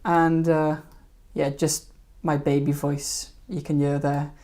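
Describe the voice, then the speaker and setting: Low, mellow-voiced woman chatting casually. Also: little pitch movement, slow. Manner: rambling, hesitant, laughs at own old videos. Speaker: fishkeeping channel host. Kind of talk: casual live-stream commentary.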